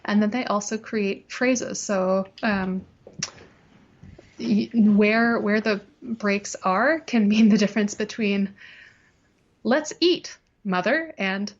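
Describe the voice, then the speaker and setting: A woman cantor explaining in a clear, teacherly way as an interview guest. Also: medium pitch, fairly even intonation, slow. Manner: clear, teacherly, demonstrates chant by singing. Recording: slightly dull lo-fi audio.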